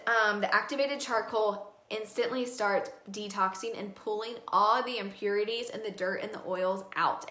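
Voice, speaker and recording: A woman's voice: fairly high pitch, fairly bright tone. Bubbly young woman in an echoey room. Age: 20s. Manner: chatty and upbeat, with many fillers and asides to viewers. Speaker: beauty consultant hosting a live skincare demo. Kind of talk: casual live-stream product talk.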